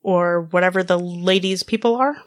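A woman with a notably deep voice talks casually as a podcast co-host, thinking aloud in a tentative way. The sound is close and dry. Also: moderate pace, no echo. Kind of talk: casual discussion.

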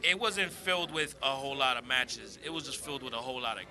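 A man's voice: medium pitch, expressive, fast, a crowd in the background. A man hosting a podcast, chatting casually in a joking manner. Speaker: podcast host. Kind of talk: casual chat.

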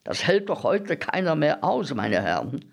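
A man's voice: a little high, very animated, measured pace, vocal fry, full character voice. A man voicing a complaining bread merchant who exclaims in a story reading. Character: grumbling middle-aged male bread merchant.

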